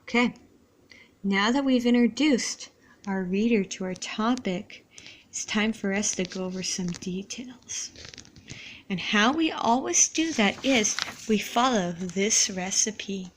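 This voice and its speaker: A woman teacher slowly models how to write sentences for young students, speaking in a deliberate, encouraging classroom manner. Her voice is mid-range, with a little hiss or hum in the audio.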